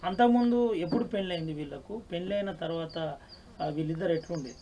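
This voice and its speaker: A man's voice: sits high, fast talker, mellow, slight background noise. A male news reporter with a Telangana accent pressing interviewees with probing questions. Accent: Telangana Telugu. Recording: field recording with crowd.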